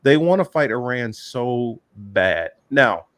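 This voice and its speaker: A man's voice: mid-range voice, big pitch swings, slow pace, fairly bright tone, no echo. A man co-hosting a casual political talk, rambling and emphatic, with many fillers and restarts. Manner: heated, emphatic. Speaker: podcast co-host.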